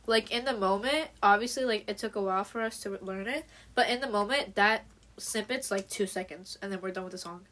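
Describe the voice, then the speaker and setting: Podcast host, young woman, mid-pitched, chatty and meandering, heavy on fillers. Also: a little fast, bright, forceful tone. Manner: rambling, filler-heavy storytelling. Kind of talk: casual chat among friends.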